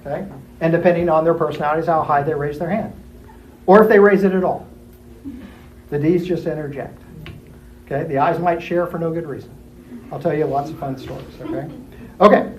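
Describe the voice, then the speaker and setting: A man teaching a Bible study class in a lively, animated way, acting out people's thoughts in put-on voices. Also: on the high side, brisk, long pauses. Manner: lively, acts out characters in jumpy put-on voices. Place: church classroom. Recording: roomy echo, faint room noise.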